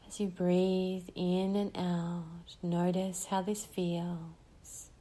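Slow, soothing woman guiding meditation. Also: lowish voice, flat delivery, dark tone. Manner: slow, soothing, with long pauses. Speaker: meditation guide. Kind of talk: guided meditation.

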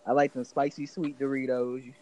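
A man's voice: medium pitch, level tone, moderate pace, darkish tone. A man with an American accent in casual, slangy, profane co-host chat, joking around. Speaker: podcast co-host.

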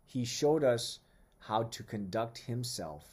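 A male preacher teaching in a sermon-style podcast, his voice warm and mellow with a husky edge. He swings his pitch up and down freely, tossing in playful asides and slowing down when he reads scripture aloud. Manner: animated, with playful mock reactions and asides; slows down to read scripture aloud.

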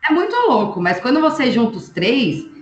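A woman's voice: on the high side, animated, fairly quick, reverberant, lo-fi sound. A woman in casual chat, animatedly explaining astrology with examples and frequent tag questions. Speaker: astrologer guest.

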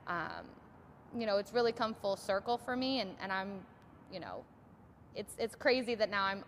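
A woman's voice: medium pitch, fairly bright tone. A young woman in her twenties talks casually as a tennis coach, scattering ums and you-knows through her answers. Her voice sits in a middle register, with faint noise behind it. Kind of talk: interview answers.

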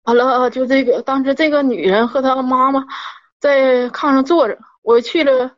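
A woman's voice: high voice, moderate pace. A woman, a caller telling a personal story in a rambling, worked-up way and repeating herself. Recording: dull lo-fi audio.

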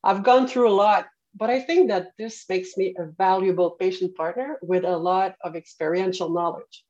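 A woman's voice: medium pitch, fairly even intonation, normal speed, a little mellow. A woman in her late forties with a French Canadian accent, giving earnest answers as an interview guest. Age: late 40s. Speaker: podcast guest, patient partner. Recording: slightly dull, narrow-band sound.

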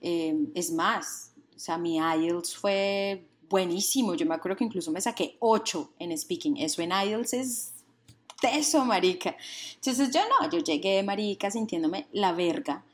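A woman's voice: mid-range voice, measured pace. A young adult woman with a Colombian accent, talking in casual chat, emphatic and full of slang.

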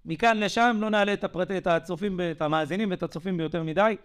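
Young adult male podcaster, high-pitched, agitated, emphatic storyteller. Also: clean tone. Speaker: podcast co-host. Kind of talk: heated podcast monologue.

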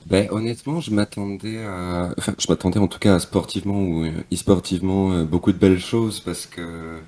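A man with an extremely low, suave voice talks casually as a caller. He explains things in a conversational way, often repeating a phrase as he builds his point. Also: steady tone, brisk, warm tone. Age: adult, past his teens. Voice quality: deep, suave, smooth low voice. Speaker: esports fan calling in. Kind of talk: casual chat.

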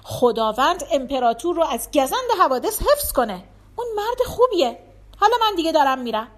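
Woman playing a fierce loyal outlaw, urgent delivery, pitch jumping around a lot. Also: sing-song. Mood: angry resolve. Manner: urgent, heated. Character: brave loyal male thief, fierce and angry.

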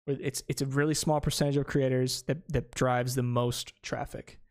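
A man talks loosely in a casual podcast conversation, his pitch sitting right in the middle of the usual range. He rambles, trips over his own words, restarts sentences and fills the gaps with "like" and "um". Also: level tone, normal speed. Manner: rambling, many fillers and restarts. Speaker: small streamer.

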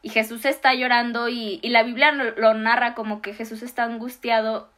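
A young woman with a Mexican accent, casually retelling Bible stories with slangy, animated asides in a faith discussion. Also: a little high, normal speed.

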